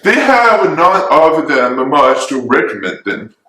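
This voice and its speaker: A man's voice: a little high, very animated, slow, sharp tone, full character voice. A man playing a teasing, sarcastic middle-aged husband and father in a theatrical dramatic reading of a classic novel. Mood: dry, sardonic. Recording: echoey room.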